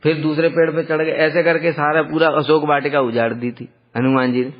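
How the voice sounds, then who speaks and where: A man telling a devotional story in a lively, conversational way, often asking the listeners rhetorical questions. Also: on the high side, fairly quick. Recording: dull lo-fi sound with long hall reverb.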